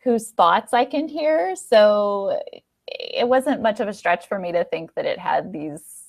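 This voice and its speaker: A woman podcast host interviews a guest, chatting casually with enthusiasm and affirmation. Her medium-pitched voice is animated and gravelly, taken slowly, in studio-quality sound with no echo.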